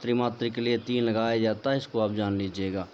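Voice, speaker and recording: A man's voice: lowish voice, fairly even intonation, fairly quick, darkish tone, slight background noise. Male Sanskrit grammar teacher, lo-fi sound. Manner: explanatory, repeats points as questions to the viewer, addresses them as friends. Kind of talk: online lecture explaining a text.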